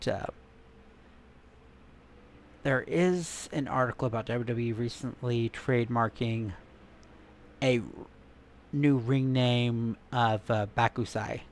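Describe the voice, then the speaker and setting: A gaming content creator with a medium-pitched voice comments casually as he browses articles and images online, musing and trailing off while he searches. There is slight background noise.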